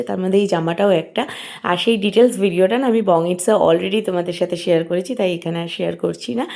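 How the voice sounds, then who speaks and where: Woman, Bengali accent, gravelly fry, soft chatty narration. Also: medium pitch. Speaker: vlogger mother. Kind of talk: voice-over narration.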